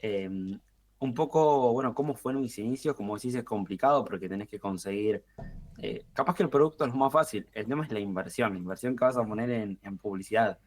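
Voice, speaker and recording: Young Argentine man, lowish voice. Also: a little fast. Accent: Rioplatense Argentine. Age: 20s. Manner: relaxed, thinks aloud with fillers and restarts. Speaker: guest marketing expert. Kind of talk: podcast interview.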